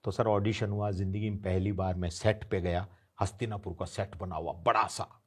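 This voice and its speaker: With a deep voice, fairly even intonation, and normal speed, a man in his fifties shares a story as an interview guest, imitating the voices of those he quotes.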